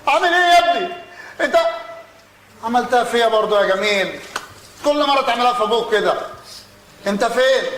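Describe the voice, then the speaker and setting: A man's voice: extremely high pitch, slight background noise. An actor with an Egyptian accent playing a broke, hot-tempered father in a stage comedy. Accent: Egyptian Arabic. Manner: loud and exasperated. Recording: roomy stage sound.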